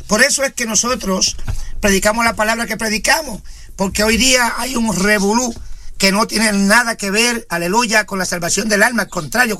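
Fervent high-voiced preacher. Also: male voice, pushed and bright. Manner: fervent, frequent interjections of praise. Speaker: pastor and radio preacher. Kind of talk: radio sermon and prayer.

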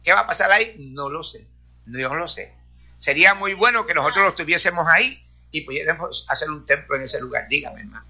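A man speaks to a congregation in a testimony-style sermon, sprinkling hallelujahs and praise between his sentences. His voice sits high for a man, with a sharp, very bright edge. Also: expressive, fairly quick. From Puerto Rico. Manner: peppers speech with hallelujahs and praise. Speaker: church speaker.

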